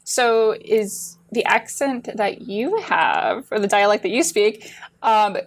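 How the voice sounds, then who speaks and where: A woman's voice: mid-range voice, slow pace. A woman interviewer speaking casually and putting her questions tentatively.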